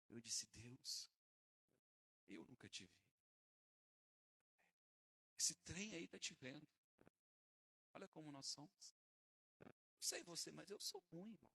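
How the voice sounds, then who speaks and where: A man preaching a sermon, emphatic, swinging between hushed and loud passages. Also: fairly high pitch, slightly rough, no room sound, low-quality recording.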